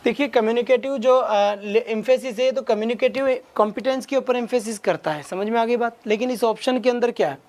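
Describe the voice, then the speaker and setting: Guy teaching english exam prep online, fires quick questions at students. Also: very high-pitched, a little mellow. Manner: rapid Hindi-English mix, urges students with quick questions. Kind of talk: online class lecture.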